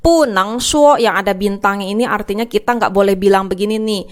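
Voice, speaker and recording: A young woman teaching a casual Mandarin grammar lesson, explaining patiently and reading example sentences slowly. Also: medium pitch.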